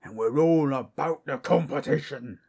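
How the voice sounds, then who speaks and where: A man voicing a boastful, friendly ork masseur in an ASMR role-play, with a rough, husky voice and a folksy, rambling way of talking. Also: mid-range voice, moderate pace, a little mellow. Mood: chatty, dreamy. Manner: folksy, rambling, boastful fantasy-brute talk with rustic grammar.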